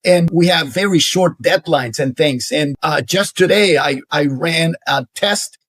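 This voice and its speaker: A man's voice: on the high side, unhurried, fairly bright tone. A man, a guest in an interview, telling stories earnestly with many hesitations and fillers. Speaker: guest, university center director. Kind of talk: conversational interview storytelling.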